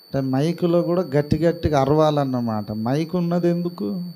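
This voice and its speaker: A man preaching a sermon in a calm, gentle way, speaking softly rather than shouting. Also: on the high side, normal speed. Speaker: pastor. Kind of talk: slow, soft-spoken Telugu sermon.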